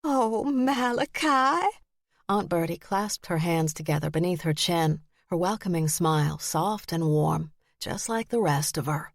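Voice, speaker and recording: A woman narrating a historical romance audiobook in an expressive storytelling voice, lifting her pitch to act out the characters. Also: moderate pace, creaky, few pauses, dry recording, studio quality.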